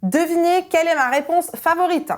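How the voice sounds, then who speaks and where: A young adult woman teaching an online singing lesson as a vocal coach, energetic and emphatic. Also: extremely high pitch, a little fast. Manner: energetic and emphatic, with sung vowel demonstrations.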